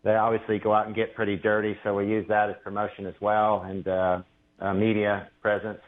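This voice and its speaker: Man, caller, lowish voice, tinny phone line, halting, lots of "uh" fillers. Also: monotone. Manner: hesitant, many "uh" fillers. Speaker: caller, local business owner. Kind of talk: casual call-in chat. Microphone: telephone.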